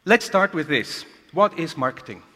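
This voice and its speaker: A man delivers an energetic conference keynote and keeps asking the audience rhetorical questions. His voice sits fairly high and sounds bright and forceful. A long reverb from the large hall trails each phrase. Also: moderate pace. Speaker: keynote speaker.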